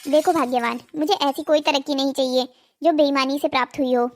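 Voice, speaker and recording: A woman voicing an honest, patient village husband in a cartoon drama who moralizes calmly. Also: high voice, a little fast. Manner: calm moralizing.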